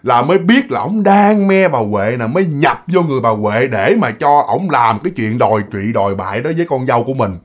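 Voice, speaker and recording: A man's voice: mid-range voice, expressive, a little fast, few pauses. A man with a Southern Vietnamese accent telling a ghost story in a chatty, casual way, talking straight to his listeners. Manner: chatty, addresses listeners, lots of fillers.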